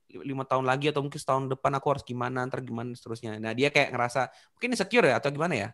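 A man's voice: medium pitch, rapid-fire, fairly bright tone. A man hosting a casual talk, asking a listener's question in a chatty way with restarts. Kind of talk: casual chat.

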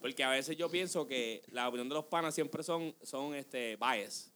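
A man's voice: medium pitch, moderate pace, fairly bright tone, slight background noise. A young man hosting a podcast in casual chat, rambling and mixing in English phrases. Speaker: podcast host.

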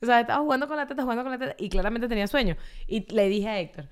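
A woman's voice: a little high, very fast, slight background noise. A woman in her thirties with a Venezuelan accent, chatting and telling stories as a podcast co-host, often laughing. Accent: Venezuelan Spanish. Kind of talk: casual chat.

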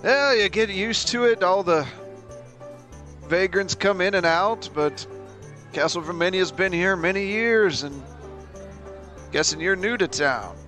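Man playing old tavern keeper, higher-pitched, plain-spoken, welcoming, tabletop game, faint music. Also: measured pace, long pauses, sharp tone. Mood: easygoing, welcoming. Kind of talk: improvised tabletop role-play.

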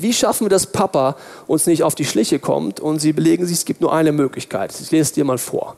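A man preaching a sermon, asking and answering his own questions, swinging between loud bursts and hushed lines. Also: a little high.

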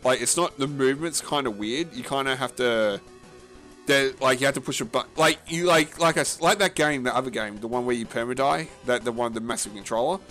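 Man, mid-pitched, casual gaming podcast co-host; rambles, restarts sentences, swears freely, faint music underneath. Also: fairly bright tone. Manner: rambling, halting, with many fillers and restarts; casual and profane.

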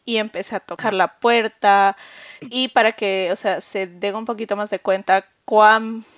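A woman's voice: mid-range voice, steady tone, measured pace, fairly bright tone, dry recording. Woman telling a confessional story, dry sound. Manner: confessional, self-mocking, many fillers. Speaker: podcast co-host. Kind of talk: casual storytelling chat.

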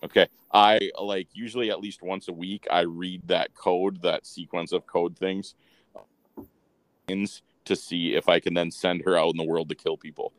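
Deep-voiced joking man, dry close sound. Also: a little slow, no echo. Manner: jokey, deadpan asides. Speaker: podcast co-host. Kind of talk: casual chat.

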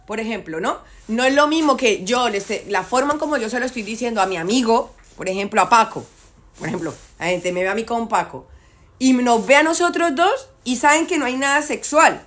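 A woman's voice: on the high side, animated, brisk, a bit bright. A woman talking insistently in a casual debate, repeating herself to drive points home.

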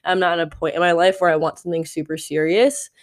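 A young woman in her twenties hosts her own podcast alone, chatting frankly and loosely. Her voice sits a little low for a woman, and she rambles, filling her sentences with casual fillers. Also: flat delivery, fast. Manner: candid, rambling, frequent "like" fillers. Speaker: podcast host. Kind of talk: solo podcast chat.

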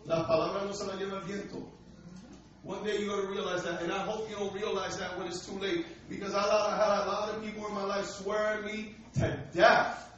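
A man's voice: high voice, level tone, brisk, a bit bright. An American man preaching a sermon to a congregation in a streetwise, colloquial way, with rhetorical questions and calls for response. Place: large echoey indoor room, church service. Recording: echoey hall, distant dull mic, faint noise.

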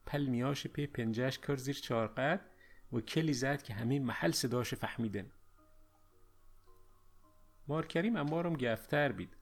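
Man narrating a reflective story. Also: medium pitch. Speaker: audiobook narrator. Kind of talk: first-person story narration in dialect.

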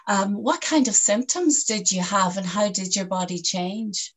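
A woman's voice: medium pitch, a little slow. A middle-aged woman from Donegal with an Irish accent from the northwest and west, hosting a conversational podcast interview. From County Donegal, northwest Ireland. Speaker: podcast host.

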